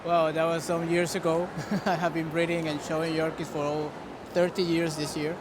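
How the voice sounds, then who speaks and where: A man's voice: fairly high pitch, flat delivery, normal speed, noisy background. A man from Costa Rica, a longtime dog breeder, giving earnest interview answers outdoors and often restarting words.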